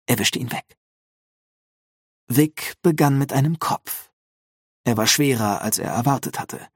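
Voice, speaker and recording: A man narrating an audiobook in a calm, measured storytelling manner. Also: medium pitch, husky, dry recording, clean studio sound. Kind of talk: scripted narration.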